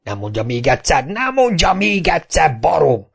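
A man voicing a hot-tempered, bullying male mayor in an audiobook, barking and shouting. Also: fairly high pitch, lively intonation, voice pushed up. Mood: furious. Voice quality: shouting, bossy.

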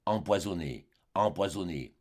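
A man's voice: fairly low pitch, huge pitch swings, normal speed, a little mellow. A man doing a frantic, tender husband. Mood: stunned.

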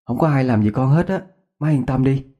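A man voicing a cheerful young married woman, brightly reassuring. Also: mid-range voice, fairly quick, voice pushed up, close to an everyday voice. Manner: bright, reassuring, laughing lightly.

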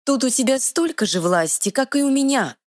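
A woman voicing a tiny, sharp-tongued female fairy guardian with quick retorts, in a dry close recording. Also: high-pitched, expressive, no echo, voice pushed up. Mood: feisty.

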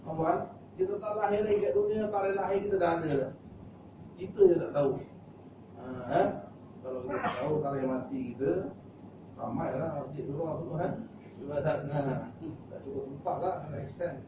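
Preacher in an echoey hall. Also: male voice, a little high, fairly even intonation, normal speed, long pauses. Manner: conversational, with frequent fillers and questions to the audience. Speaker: religious teacher. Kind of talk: mosque lecture storytelling. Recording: echoey hall, distant mic, dull lo-fi sound with hiss.

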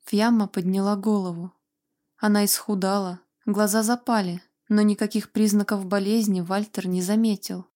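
Woman narrating a dark fantasy audiobook. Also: mid-range voice, fairly even intonation, moderate pace. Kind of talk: scripted narration.

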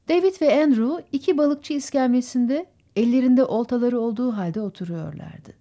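A woman narrating a literary audiobook in a measured storytelling manner. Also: fairly high pitch, dark tone. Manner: measured storytelling, voices characters.

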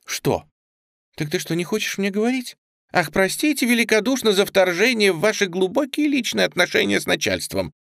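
A man's voice: on the high side, very animated, moderate pace, dry recording, pitched above the performer's own voice. A man voicing a proud, hot-tempered young woman cook who speaks sharply and indignantly, close to tears.

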